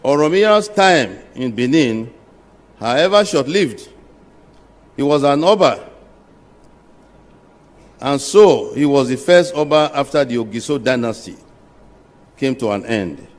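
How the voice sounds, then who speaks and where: A man narrating a history documentary in a measured, formal way. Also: mid-range voice, expressive, long reverb tail.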